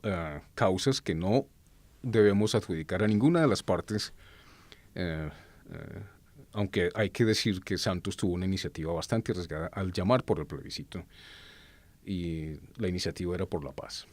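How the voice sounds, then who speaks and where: A Colombian-born man with a very deep voice delivers earnest political commentary. He pauses often with hesitations and corrects himself mid-sentence. The sound is dry and close, with no room echo. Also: darkish tone.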